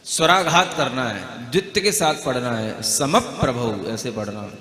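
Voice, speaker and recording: A man's voice: medium pitch, animated, bright, forceful tone. Man teaching in an echoey hall. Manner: conversational, keeps asking "है ना?", models verse pronunciation slowly. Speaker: Jain monk teaching. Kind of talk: devotional discourse and recitation lesson. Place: large hall with a gathering. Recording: echoey hall with long reverb.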